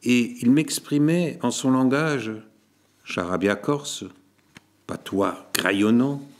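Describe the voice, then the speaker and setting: A man reading a literary story aloud as narrator, in a measured, deliberate way. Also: medium pitch.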